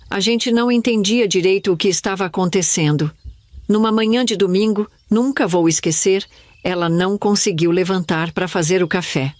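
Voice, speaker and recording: An older woman from Brazil telling a sad childhood memory in first person, in a slow, somber storytelling manner. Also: on the low side, no echo. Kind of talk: scripted first-person narration.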